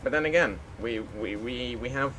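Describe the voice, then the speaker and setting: A man's voice: mid-range voice, normal speed, fairly bright tone, soft background music. A man live-streaming a flight simulator, chatting casually and making the odd pilot radio call.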